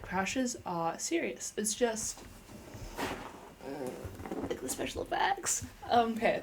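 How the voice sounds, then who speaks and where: A woman's voice: a little high, noisy background. A young adult woman giving an unscripted casual review as a vlogger, chatty and playful, talking with lots of fillers.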